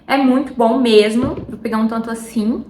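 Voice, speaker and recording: A woman with a Brazilian Portuguese accent talks casually and warmly about faith in a vlog, addressing viewers intimately and drifting off topic mid-thought. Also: a little high, fairly even intonation, normal speed. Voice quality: warm, intimate, talks directly to viewers as "meu amor". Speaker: vlogger. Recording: echoey room with faint background noise.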